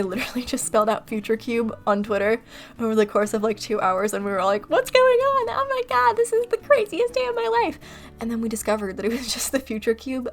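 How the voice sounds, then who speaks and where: A woman from California, chatting casually in a voice-over, rambling and laughing at herself as she talks. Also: medium pitch. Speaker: video creator. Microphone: desktop mic on computer recording software.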